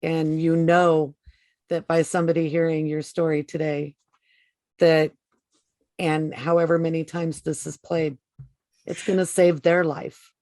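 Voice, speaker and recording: A woman hosting an interview, speaking in a gentle, affirming way. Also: deep voice, flat delivery, a little slow, pauses often, dry recording. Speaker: podcast host.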